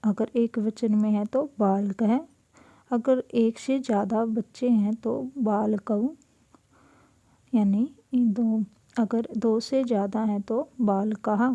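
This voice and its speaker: A woman teacher going through a school lesson, saying each word slowly and giving its meaning. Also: on the high side, fairly even intonation, warm tone, no echo, lo-fi sound. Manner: slow, deliberate, repeats each word and gives its meaning. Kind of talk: classroom lesson explaining Sanskrit words in Hindi.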